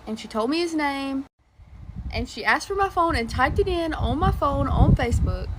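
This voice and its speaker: A woman's voice: sits high, animated, a little hiss or hum. A woman of twenty, telling a casual story in a chatty, wry way. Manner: chatty, wry, drawn-out asides. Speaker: vlogger.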